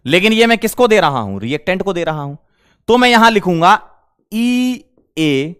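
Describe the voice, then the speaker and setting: Guy teaching chem in class, high smooth voice, keeps asking the students questions. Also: very animated, a bit bright. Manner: quizzing students with quick questions. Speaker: chemistry teacher. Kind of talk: classroom lecture.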